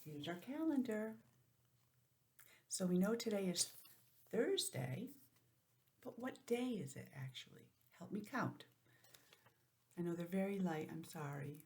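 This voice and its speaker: Lowish and very animated, with a warm tone, she talks a little slowly and leaves long pauses; there's slight hiss or hum. The preschool or early-grades teacher gives an interactive calendar lesson to young kids by video call from her home laptop, asking questions and chatting in asides.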